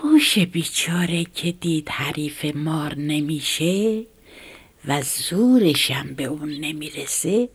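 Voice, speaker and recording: A woman narrating a children's animal fable in a whispered role-play, soft and steady. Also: low-pitched, breathy edge. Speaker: storyteller.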